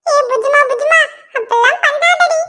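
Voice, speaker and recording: A woman's voice: very high voice, normal speed, bright, forceful tone. A woman voicing a henpecked male lizard who coaxes and pleads with his wife in a cartoon. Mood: pleading. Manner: pleading, coaxing. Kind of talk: cartoon voice acting.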